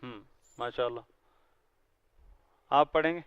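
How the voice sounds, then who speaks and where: A man's voice: medium pitch, smooth, lo-fi sound. Patient man teaching a language class. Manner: patient, explains word by word and drills pronunciation. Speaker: Arabic teacher. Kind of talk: classroom grammar lesson.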